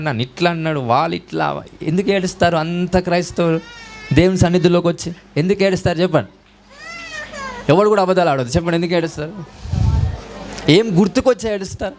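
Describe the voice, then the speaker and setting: A man preaching a sermon as a pastor, breaking into raised shouts of hallelujah. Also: on the high side, slight background noise. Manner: preaching in Telugu mixed with English, with rising shouts of hallelujah.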